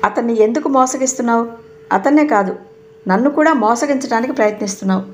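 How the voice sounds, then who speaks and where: A woman's voice: fairly high pitch, fast, natural voice. A woman narrator voicing a stern, sarcastic young husband who fires accusing questions.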